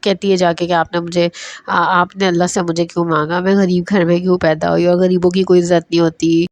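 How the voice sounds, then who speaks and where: Low-voiced woman, chatty drama recap. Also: level tone, no room sound. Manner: chatty, hesitant, many fillers. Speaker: drama reviewer. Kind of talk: casual plot recap.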